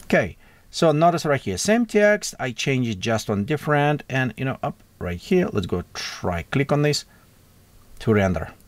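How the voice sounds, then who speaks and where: Man, tech tutorial host, halting non-native English, animated pitch, dry close sound. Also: no room sound. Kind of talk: casual software tutorial.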